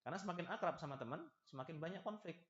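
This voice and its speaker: Male preacher for a lecture: animated, joking, acts out small dialogues; slightly high voice, echoey muffled room. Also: racing. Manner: lively, acts out little dialogues and jokes with the audience. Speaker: preacher giving a study lesson. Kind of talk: religious study lecture. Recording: echoey, slightly dull hall recording.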